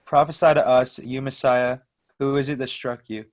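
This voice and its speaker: A man's voice: medium pitch, level tone, normal speed, close to an everyday voice. A man reading a questioning Roman official in church readers theater, with a plain delivery. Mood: taunting. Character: questioning male Roman governor, also mocking guard.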